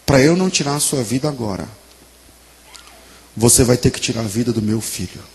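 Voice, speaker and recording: A preacher voicing a solemn, unbending God. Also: male voice, mid-range voice, a little fast, darkish tone, close to an everyday voice. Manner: solemn, unyielding. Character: solemn God pronouncing judgment.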